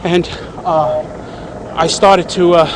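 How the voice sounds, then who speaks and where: A breathless, shaken man gives halting answers in a somewhat raised voice. Loud street noise runs behind him on outdoor news tape. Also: sits high, steady tone. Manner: shaken, halting, trailing off into sighs. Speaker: eyewitness near the towers.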